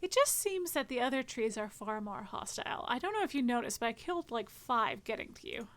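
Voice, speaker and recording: A woman's voice: on the high side, very animated, brisk, fairly bright tone. A woman doing casual gameplay commentary as a streamer, chatty and joking, talking back to the characters. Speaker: game streamer.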